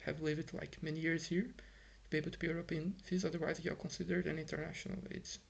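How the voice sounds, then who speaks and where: A young Portuguese-speaking Brazilian vlogger talks in accented English from his Irish home, frustrated and rambling, full of fillers and restarts. The voice is a little high and slightly rough, with a creaky, flat, fast delivery.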